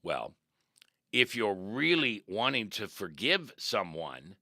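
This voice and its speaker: A man teaching as a pastor, reading scripture aloud and breaking in with lively, animated asides. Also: fairly low pitch, dry recording, clean studio sound. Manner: reads scripture then comments, animated asides. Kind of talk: devotional teaching.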